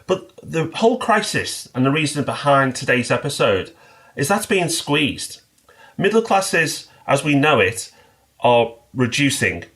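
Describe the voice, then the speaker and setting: A man's voice: mid-range voice, very animated, fairly bright tone. Man explaining on a podcast. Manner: measured, explanatory, with small restarts. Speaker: podcast co-host. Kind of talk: casual podcast discussion.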